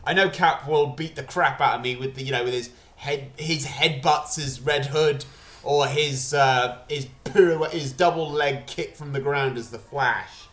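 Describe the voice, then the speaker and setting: A man's voice: medium pitch, measured pace, a bit bright. A male streamer chatting playfully on a gaming livestream at a desk microphone, joking between game choices. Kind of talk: casual livestream commentary. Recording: roomy echo.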